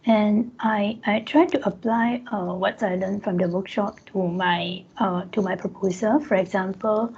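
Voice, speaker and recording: Breathy woman on a screen-recorded video call. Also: mid-range voice, steady tone, a little mellow, highs cut off. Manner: halting, pausing often mid-sentence. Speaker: academic presenter. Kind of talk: online workshop presentation. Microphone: computer mic on a video call.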